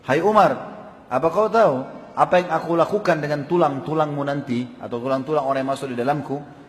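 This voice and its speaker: A grim, stern grave speaks in a loud, declaiming voice, as a male preacher gives it words in a sermon parable. The voice sits fairly high and rings with long hall reverb. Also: fast talker, natural voice.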